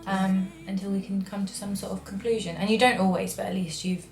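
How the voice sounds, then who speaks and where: A woman in her twenties chatting casually in a couple Q&A, with lots of "like" and expressive storytelling. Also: mid-range voice, fairly quick, vocal fry, faint music behind. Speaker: vlogger in a couple Q&A. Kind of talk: casual chat. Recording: echoey room.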